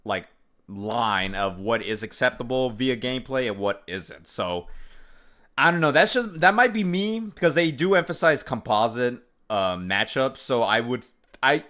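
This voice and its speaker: A man's voice: mid-range voice, bright, forceful tone. A man streaming live, reacting to a video with rambling, hedging, exasperated commentary.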